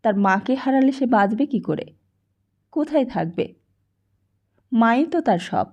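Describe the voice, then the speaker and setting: Woman audiobook narrator, calm storytelling, higher voice, dull lo-fi recording. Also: unhurried. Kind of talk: scripted narration.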